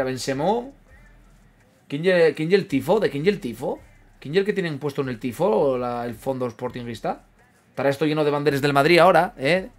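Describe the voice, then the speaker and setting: Excitable Asturian man commentating his game. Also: on the high side. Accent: Asturian Spanish. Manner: excitable, swears freely, repeats himself, reacts loudly to plays. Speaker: gaming streamer. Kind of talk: casual live commentary over a football video game.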